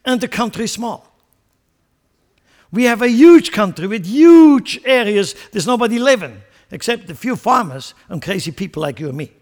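High-voiced man preaching. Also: animated, normal speed. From Switzerland. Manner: emphatic, swings between loud stressed phrases and quiet asides; joking, chuckles at his own remarks. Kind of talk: sermon.

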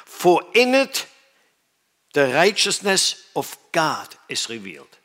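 Man, from Switzerland, preacher, sermon, bright forceful voice, emphatic, asks the audience questions. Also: a little high, wildly swooping pitch, takes it slowly.

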